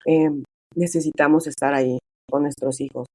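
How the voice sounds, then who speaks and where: A middle-aged woman talks casually as an interview guest, full of fillers and acted-out quotes. Her voice is mellow and warm, recorded dry and close with no room sound. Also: low-pitched, fairly even intonation, moderate pace, slightly rough, no room sound. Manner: chatty, many fillers, acts out quoted dialogue.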